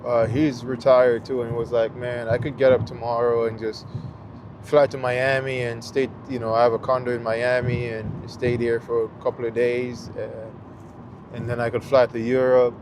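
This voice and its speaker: A middle-aged man with a Jamaican accent, a vlogger, chats casually to viewers while driving inside a car on a highway. He rambles through a story in a relaxed way, full of fillers and restarts, in a mid-range voice at normal speed. Car and road noise run in the background.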